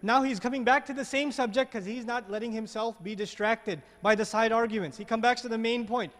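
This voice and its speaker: A man's voice: extremely high pitch, brisk, fairly bright tone, long reverb tail. A man giving a Quran commentary lecture, asking the audience rhetorical questions and repeating words as he searches for them. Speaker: religious lecturer.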